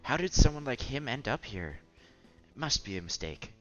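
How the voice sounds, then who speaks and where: A man's voice: medium pitch, big pitch swings, normal speed, a bit bright. A man reading a visual novel aloud, narrating and adding wry comments of his own. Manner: wry asides between narration. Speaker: let's play narrator. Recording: slightly dull with music behind.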